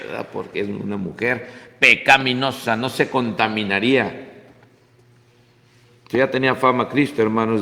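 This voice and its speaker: A man's voice: medium pitch, creaky, bright, forceful tone. A man teaching a Bible class in a church hall, talking conversationally and dropping in English tags. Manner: conversational, mixing in English tags, frequent "¿verdad?".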